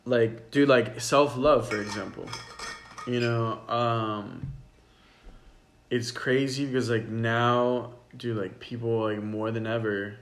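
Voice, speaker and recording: A man with an ordinary mid-range voice chats in a relaxed, slangy way. He peppers his sentences with "dude," "bro" and "like.". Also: medium pitch, takes it slowly, a little hiss or hum. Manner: laid-back, heavy "dude" and "bro" slang. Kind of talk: casual chat.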